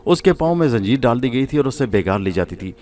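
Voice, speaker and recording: A man reading a suspense horror serial aloud as a storyteller, in a steady, measured way. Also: medium pitch.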